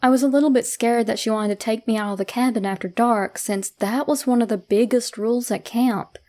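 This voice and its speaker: Reading a scripted horror tale told in the first person, a woman with a voice on the high side speaks softly and in a hush. Her storytelling is measured and punctuated by suspenseful pauses.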